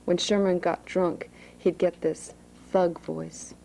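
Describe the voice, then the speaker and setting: Author reading aloud: woman, dark gravelly voice, unhurried, school room. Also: lowish voice, little pitch movement, a little hiss or hum, rough recording. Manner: plain, unhurried reading with asides. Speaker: author reading her novel. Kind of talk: reading a novel aloud to students.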